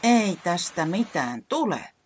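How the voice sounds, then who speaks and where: A woman voicing a worried, excitable weatherman in a children's story, squeaky and anxious. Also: slight background noise. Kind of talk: storybook character voice.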